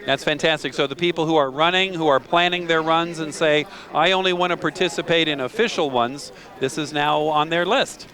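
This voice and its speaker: A male broadcast host with a somewhat higher voice, talking live from outdoors. He chats easily, asks questions, and slips in jokes and puns. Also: fairly even intonation, brisk, hardly any pauses, pushed and bright. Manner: chatty, joking, asks leading questions. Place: outdoors at a race event.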